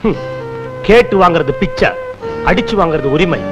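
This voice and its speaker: An actor playing a hot-tempered, jobless husband in a 1980s film, gruff and defiant in tone. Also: male voice, fairly high pitch, animated, moderate pace, loud music behind the voice, lightly acted.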